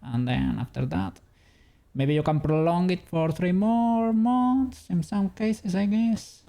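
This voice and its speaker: A man from Spain with a Spanish accent chats casually with viewers while working on a 3D model during a stream. His voice sits high, slow, and dark, with vocal fry. He rambles, answers chat, and chuckles often.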